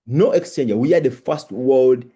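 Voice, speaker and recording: A man with a mellow, slightly rough voice delivers a live crypto-bro sales pitch. He is emphatic and insistent, repeating key phrases. His delivery is halting, with stammered restarts. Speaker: crypto promoter presenting on a live Zoom call. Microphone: online video call.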